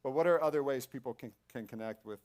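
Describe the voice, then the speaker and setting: Smooth-voiced man hosting at church. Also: mid-range voice. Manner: halting, many fillers and restarts. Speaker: church host. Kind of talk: casual stage announcements. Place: church sanctuary stage.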